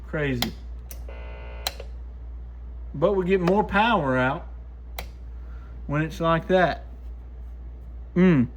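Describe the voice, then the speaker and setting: This radio shop host has a fairly high, expressive voice and talks extremely slowly with long pauses, muttering brief thoughts as he tests equipment by hand. The audio is clear, though the highs are cut off, and clicks sit in the background noise.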